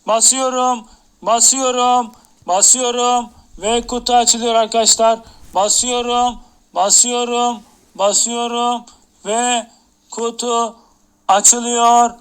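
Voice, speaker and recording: A man streaming a game live, talking in an excited, repetitive countdown style. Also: very high voice, takes it slowly, clean tone. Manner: repetitive, hyped countdown talk.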